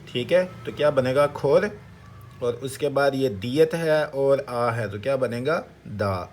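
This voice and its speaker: A man teaches in an even, mid-pitched voice. He sounds out each syllable slowly, repeats it, and keeps asking viewers what it becomes. His delivery is patient and methodical. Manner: slow, repetitive syllable-by-syllable drilling with questions to viewers. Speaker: language teacher. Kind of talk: Korean vocabulary lesson in Urdu.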